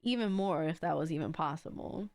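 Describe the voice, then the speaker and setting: A woman livestream host chatting casually with viewers in a playful, campy, slangy and very expressive way. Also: deep voice, a little fast. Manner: expressive, exclaiming and drawing out words. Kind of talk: casual livestream chat while opening card packs.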